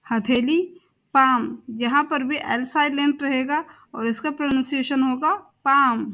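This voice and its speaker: A woman with a high voice teaches an English vocabulary lesson at an unhurried pace. She says each word, repeats it, and sometimes spells it out letter by letter. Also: steady tone, a bit bright, lo-fi sound.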